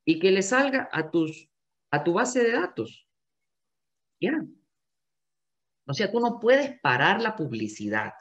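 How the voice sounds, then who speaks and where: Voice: medium pitch, very animated, takes it slowly, pauses often, a bit bright. A real estate sales coach giving an emphatic coaching talk to agents, often repeating key phrases.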